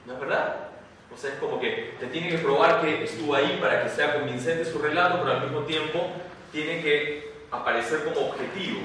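A man's voice: a little high, a little fast, fairly bright tone, slight background noise. A man giving a university lecture in a conversational way, often tagging questions to his students. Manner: conversational, rhetorical tag questions. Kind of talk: classroom lecture. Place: classroom. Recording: echoey room, distant mic.

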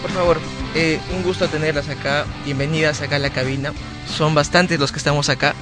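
Eager radio interviewer. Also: male voice, on the high side, steady tone, fairly quick, over loud music. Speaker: radio show host.

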